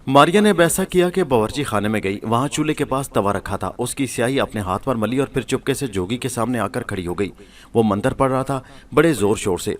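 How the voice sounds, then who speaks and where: A man narrating a scripted horror story in a steady storytelling manner. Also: mid-range voice.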